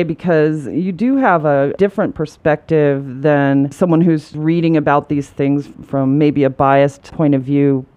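A man's voice: fairly high pitch, no room sound, narrow, tinny audio. A man hosting a radio interview, agreeable and attentive, affirming his guest's points. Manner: agreeable, attentive, drawn-out listener cues. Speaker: radio show host. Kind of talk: interview talk.

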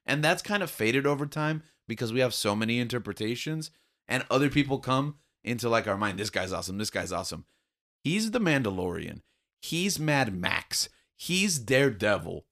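A man's voice: medium pitch, big pitch swings, moderate pace, fairly bright tone. A man co-hosting a podcast in casual chat, speaking emphatically and earnestly with firm opinions. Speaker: podcast co-host.

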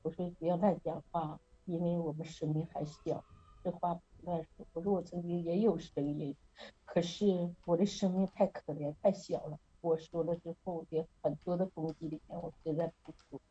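A woman's voice: fairly low pitch, steady tone, normal speed, dark tone, breathy edge, highs cut off. A middle-aged woman sharing an earnest, casual testimony at a prayer meeting over an online call, often laughing as she tells her story.

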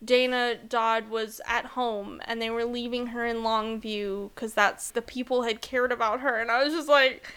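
A woman's voice: fairly high pitch, level tone, moderate pace, few pauses, a bit bright, smooth. A woman co-hosting a podcast, chatting casually and expressively. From North Carolina. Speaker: podcast co-host. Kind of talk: casual chat.

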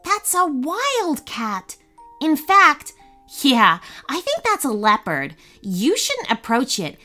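A woman's voice: high-pitched, wildly swooping pitch, takes it slowly, sharp tone, soft background music, voice pushed up, full character voice. Woman voicing a cautious young boy.

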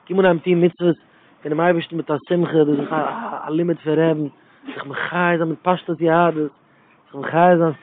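A fairly high-pitched male voice comes through a thin, tinny line that sounds like a phone call. He is middle-aged and gives an informal religious talk. He keeps repeating phrases and hammering points home with emphasis. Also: fairly even intonation, fairly quick. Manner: repetitive and emphatic, circling back to phrases. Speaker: religious speaker.

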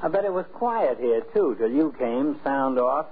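A courtly, sparring doctor in a vintage radio comedy. His mid-pitched voice moves in very animated swoops, over a noisy, tinny old recording. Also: moderate pace, slightly rough. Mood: jovial, needling. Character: jovial, sparring male doctor, a family friend.

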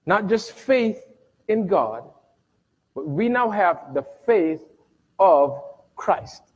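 A middle-aged male pastor preaches in a high, husky voice that swoops all over the place, rising into sudden loud bursts and dropping into dramatic pauses. His words ring out with a long reverb through a church hall. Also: expressive, highs cut off. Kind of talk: sermon. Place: church sanctuary.

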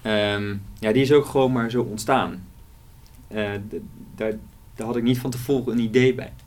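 A man's voice: medium pitch, steady tone, normal speed, a little mellow. A man, an author, talking through his novel in a casual interview, hesitant and full of fillers. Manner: hesitant, many fillers and restarts.

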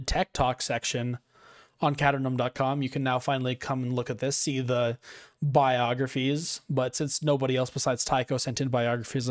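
A young man hosting a casual podcast, talking at an everyday pitch. He rambles, makes fun of himself and laughs easily. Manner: rambling, self-mocking, laughs often. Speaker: podcast host.

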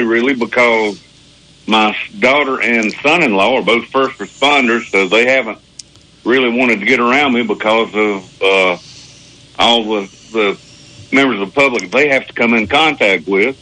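A man's voice: medium pitch, normal speed, sharp tone, low-quality recording. A middle-aged or older man talking casually as a regular calling in to a radio show by phone. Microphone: telephone.

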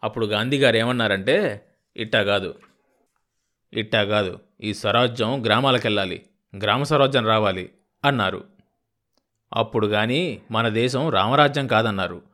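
A man's voice: on the low side, normal speed, pauses often, a bit bright, natural voice. A male narrator voicing a persuasive, argumentative village man who lectures about voting and self-rule. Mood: lecturing.

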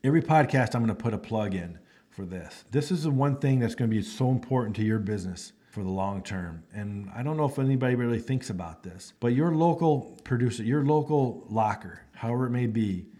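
A man's voice: mid-range voice, lively intonation, fairly quick, dark tone. A man hosting a podcast, talking in a folksy, emphatic monologue full of repeated phrases. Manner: acts out phone calls in quotes. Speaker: podcast host. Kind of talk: casual monologue.

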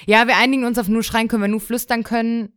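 Eine junge Frau, die als Co-Host im lockeren Podcast laut und sprunghaft erzählt, oft mit Neuanfängen. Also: female voice, a little high, fairly even intonation, fast, clear, resonant tone, dry recording, studio quality. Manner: rambling, restarts, loud. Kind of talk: casual chat. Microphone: close podcast mic.

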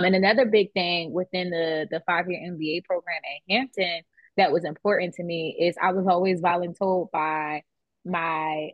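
A woman's voice: lowish voice, no echo. Chatty young woman with a dull, dry sound. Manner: conversational, many "like" and "right?" tags. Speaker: guest, beauty business founder. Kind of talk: casual interview chat.

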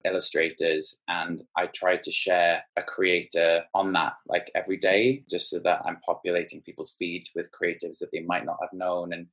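A man's voice: low voice, flat delivery, moderate pace, few pauses, fairly bright tone. A man who runs a small record label, chatting casually on a video call with many fillers. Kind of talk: casual sharing at an online group call.

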